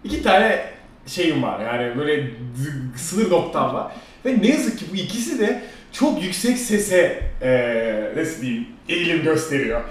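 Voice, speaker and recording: A young man hosting a casual chat who calls himself excitable and short-tempered, talking loudly and swearing freely. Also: a little high, unhurried. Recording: very echoey room, away from the mic.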